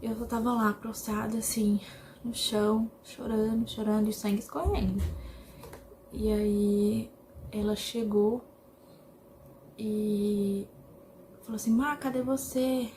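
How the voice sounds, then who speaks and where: A young woman from Brazil tells her personal story to the camera in a mellow, warm voice. Her delivery is emotional and halting, with many repetitions. A faint noise sits under the recording. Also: on the high side, fairly even intonation. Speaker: vlogger.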